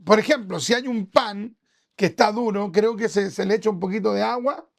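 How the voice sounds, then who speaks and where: A Chilean man preaching to a congregation, his voice rough with gravel. He keeps it conversational and checks in with his listeners through question after question. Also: high voice, moderate pace. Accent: Chilean Spanish. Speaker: pastor. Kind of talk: sermon.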